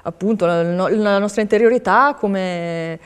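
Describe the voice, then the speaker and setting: Young woman, medium pitch, reflective halting interview answers, echoing hall-like room. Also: clean tone. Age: young adult. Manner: hesitant, reflective, trailing phrases. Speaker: artist being interviewed. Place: indoor TV studio with hard floor. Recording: long hall-like studio reverb.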